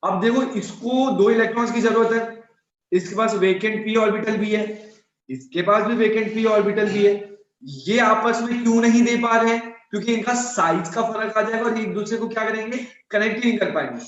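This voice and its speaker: A man's voice: high-pitched, brisk, a bit bright. A male chemistry teacher lecturing students in a chatty, scolding way, repeating his points. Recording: echoey room, dull sound.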